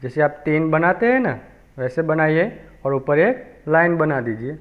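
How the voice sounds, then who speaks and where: A man's voice: on the high side, animated, measured pace. A male teacher patiently leading a children's lesson, repeating each sound aloud for the class. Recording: tinny phone-like audio.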